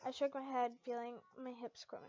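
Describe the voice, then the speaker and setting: A young woman tells a fan fiction story expressively in the first person and signs off with a casual outro for her followers, speaking fairly quickly in a high, level voice with a dark tone. The recording is a dull lo-fi one made at home.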